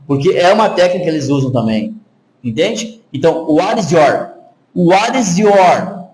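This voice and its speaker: A man with a fairly high voice gives an English lesson, speaking slowly and patiently. He repeats each phrase several times, drawing out the words for the learners. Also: darkish tone, low-quality recording. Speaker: English teacher. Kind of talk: spoken lesson.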